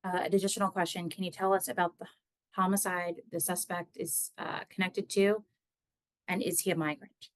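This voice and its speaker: A woman with a fairly low voice moderates a press briefing. She reads out questions in a polite, businesslike manner. The sound is very dry, with almost no room around her. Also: level tone, normal speed, dry recording. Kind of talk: reading out reporters' questions.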